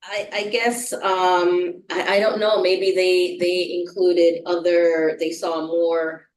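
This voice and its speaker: A staff member with a Jamaican accent presents contracts at a board meeting in a low, level, slow voice. Reading out figures, she is hesitant, with many fillers and restarts, and the roomy recording places her far from the mic.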